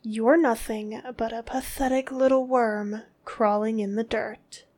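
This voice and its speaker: A woman delivering a scripted dominant roleplay in a slow, commanding, contemptuous tone that often drops to a whisper. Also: fairly high pitch, steady tone, a little mellow.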